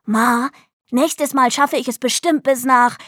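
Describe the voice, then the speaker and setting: Storybook kid: woman narrator voicing a lively, stubborn young girl, chattery and high, dry close sound. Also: a little slow, dry recording. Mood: earnest. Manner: earnest, indignant, chattery.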